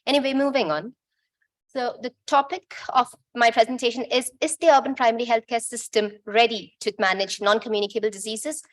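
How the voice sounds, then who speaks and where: A woman from Bangladesh presents at a conference, her voice fairly high and steady and her pace fairly quick. She talks in a chatty, informal way and often stops to correct herself.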